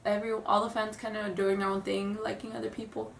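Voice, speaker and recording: This young woman sounds congested from a cold as she rambles quickly in a mid-range, level voice, nervous, apologetic, and giggly. It's a casual vlog shot in a room at home, and the distant home camera audio is roomy with a little hiss or hum.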